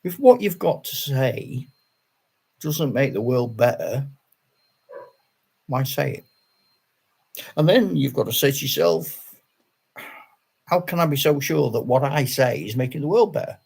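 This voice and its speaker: An older Yorkshireman hosts a wargaming channel, rambling casually to camera in a self-deprecating way with frequent chuckles. His mid-range voice is animated and gravelly with a darkish tone and breathy edge, at a measured pace with frequent pauses.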